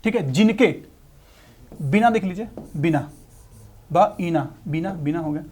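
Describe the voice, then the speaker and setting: A man's voice: a little high, animated, measured pace, darkish tone. A man teaching a shorthand lesson, breaking words into syllables and repeating them patiently. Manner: patient, explanatory, checks in with "ठीक है". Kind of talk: classroom lesson.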